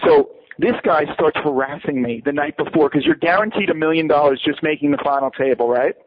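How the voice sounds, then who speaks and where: A man being interviewed, telling a long story in a lively way and acting out other people's heated lines. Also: fairly high pitch, fairly quick. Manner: quotes others in raised, heated voices. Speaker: poker player and guest. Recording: muffled lo-fi radio audio.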